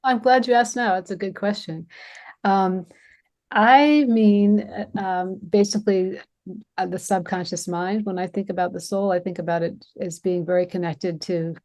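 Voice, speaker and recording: A woman's voice: medium pitch, fairly even intonation, moderate pace, darkish tone. A woman hosting a webinar over a video call, talking casually with many fillers. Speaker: webinar host.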